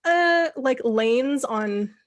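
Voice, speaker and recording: A woman's voice: high-pitched, animated, extremely slow. Woman from California, host, casual chat, rambling, laughs a lot. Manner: chatty, laughs often, rambling asides.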